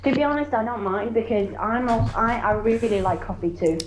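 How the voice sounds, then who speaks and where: A young woman chatting casually on a podcast, relaxed and quick to laugh. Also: a little high, rough recording. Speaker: podcast co-host. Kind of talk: casual chat.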